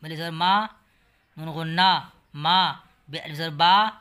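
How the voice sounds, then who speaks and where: A man's voice: a little high, fairly even intonation, a little slow, pushed and bright, clean tone. A man teaching a reading lesson, with an Urdu accent, spelling out each word letter by letter and vowel sign before reading it whole. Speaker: language teacher.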